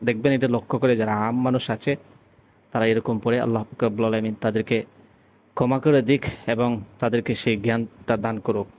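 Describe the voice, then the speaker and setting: A man from Bangladesh teaching how to pronounce the call to prayer, explaining patiently and stopping often to chant long, drawn-out example phrases. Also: mid-range voice, flat delivery, darkish tone. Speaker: azan teacher. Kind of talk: recitation lesson with chanted demonstrations.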